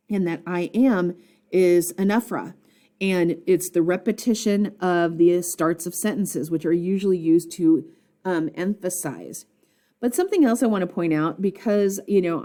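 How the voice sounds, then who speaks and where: A woman records a poetry annotation lesson, speaking as a teacher who thinks aloud. Her voice sits low and sounds warm and relaxed. She fills her pauses with ums and keeps asking her students questions about the text.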